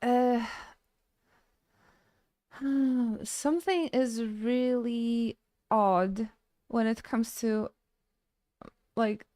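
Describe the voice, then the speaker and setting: A woman game streamer chatting casually with her live audience, halting and stammering as she thanks viewers between frequent laughs. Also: a little high, dark tone, no room sound, studio quality.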